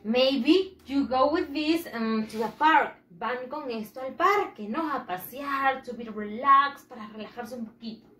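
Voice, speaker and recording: A woman's voice: high-pitched, measured pace, hardly any pauses, pushed and bright, roomy sound. A woman teaching young children English, patiently repeating each phrase in English and then in Spanish and leading repeat-after-me drills. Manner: leads call-and-repeat drills. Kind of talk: bilingual children's English lesson.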